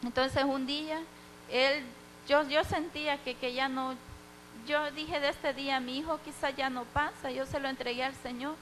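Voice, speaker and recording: A woman's voice: high voice, fairly even intonation, moderate pace, fairly bright tone, slight background noise, low-quality recording. A young woman giving a heartfelt church testimony, acting out the dialogue as she tells it.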